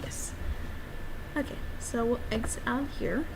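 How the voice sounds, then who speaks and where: Whispering in a fairly high voice and a little slowly, a woman streamer and hobbyist game developer chats in a rambling, playful way, with cutesy exclamations. The low-quality recording carries clear background noise.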